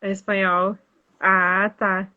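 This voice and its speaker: A woman from southern Brazil with a mid-range voice and level tone speaks slowly while hosting a casual live-stream chat as a tour guide. She's chatty and loaded with fillers like "né" and "aí," and the live-stream audio is dull and lo-fi.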